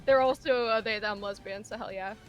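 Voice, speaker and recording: A woman playing in a tabletop game, chattering in a bubbly, animated way over an online call. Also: medium pitch, brisk, over music. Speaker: player. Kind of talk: casual tabletop game chat.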